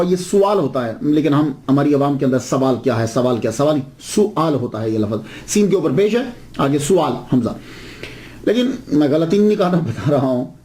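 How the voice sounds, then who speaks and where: A man's voice: a little high, mellow. A man giving a religious lecture, explaining terms and asking and answering his own rhetorical questions. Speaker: Islamic preacher.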